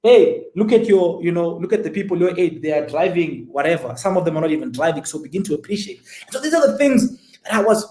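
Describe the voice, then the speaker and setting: A man's voice: on the high side, very animated, brisk, hardly any pauses, warm tone, roomy sound, low-quality recording. A man, telling his story as an interview guest and pressing listeners with rhetorical questions. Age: 20s. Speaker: guest entrepreneur.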